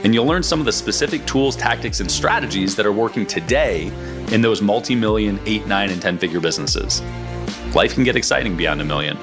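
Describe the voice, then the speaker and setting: A man's voice: lowish voice, lively intonation, a little fast, music in the background. A man hosting a business podcast, with an upbeat scripted intro and then casual, rambling questions for his guest. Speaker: podcast host. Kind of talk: interview hosting.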